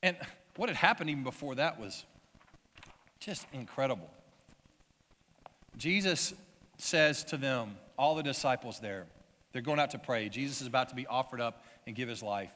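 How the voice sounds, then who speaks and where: Bright-voiced male preacher in reverberant hall. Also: mid-range voice, lively intonation, normal speed, long pauses. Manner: conversational storytelling, asks the audience questions. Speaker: pastor. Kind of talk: sermon.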